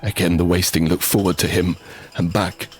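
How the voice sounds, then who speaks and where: This man's low voice barely moves in pitch as he keeps a normal speed, lightly acting the part of a tense survivor in a zombie apocalypse audio drama. The hushed, suspenseful first-person narration with acted dialogue comes in short phrases, with background music underneath and a little hiss or hum.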